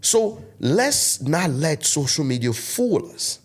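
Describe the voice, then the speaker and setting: A Togolese-raised man in his thirties, a native French speaker with a French West African accent, appears as a guest content creator on a podcast interview and preaches emphatically. His voice sits a little high and is very animated, and he takes his time.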